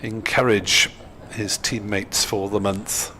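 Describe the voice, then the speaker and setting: A man's voice: on the low side, level tone, slow, sharp tone, a little hiss or hum. Male cricket commentator over ground ambience. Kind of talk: live cricket radio-style commentary.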